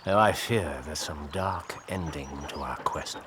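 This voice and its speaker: An actor playing Sherlock Holmes as a brisk, eager, keen-minded detective in a period radio drama. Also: male voice, rumbling low, noisy background. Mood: grave, subdued. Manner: animated, urgent, theatrical delivery.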